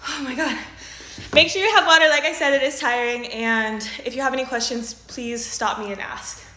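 A woman's voice: high-pitched, normal speed, sharp tone. A woman teaching a live online dance class, out of breath as she counts out the steps. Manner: upbeat, counting steps aloud. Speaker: dance instructor. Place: indoor room, dancing live. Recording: echoey room.

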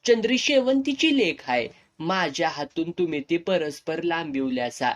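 A burly, swaggering landlord with a menacing edge voiced by a male narrator mocks in cocky rural speech. The tone sits a touch high. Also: unhurried, close to an everyday voice. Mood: mocking. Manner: cocky, mocking rural dialect.

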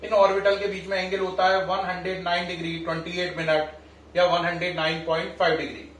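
A man's voice: sits high, monotone, a little fast, a bit bright, slight background noise. A middle-aged man teaching chemistry to students, calling them children and quizzing them as he goes. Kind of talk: classroom lecture. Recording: echoey room, mic at a distance.

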